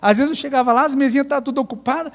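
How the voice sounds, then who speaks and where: A pastor with a Mineiro accent, telling a story in a sermon with ironic humor. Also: male voice, extremely high pitch, rapid-fire, gravelly. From Minas Gerais, Brazil. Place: church. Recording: reverberant church hall.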